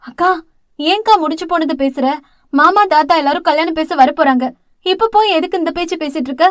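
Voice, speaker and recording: Woman reader as an anxious younger sister, pleading and soothing, high voice, dry close recording. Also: brisk, no room sound. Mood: worried. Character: frightened young woman, caring younger sister, college student.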